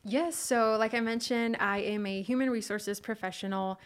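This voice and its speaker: A woman's voice: fairly high pitch, steady tone, normal speed, smooth. A woman from California, a guest on a podcast, talking in a chatty, easygoing way with many fillers. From California, USA. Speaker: podcast guest, human resources professional. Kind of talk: casual interview chat.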